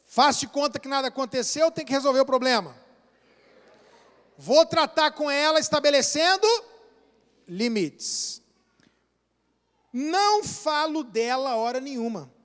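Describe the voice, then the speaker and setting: A man's voice: very high-pitched, unhurried, pauses often. A man with a Brazilian Portuguese accent, a pastor preaching a sermon in a church hall, acting out little scenes as he talks. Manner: animated, acts out little scenes and quotes.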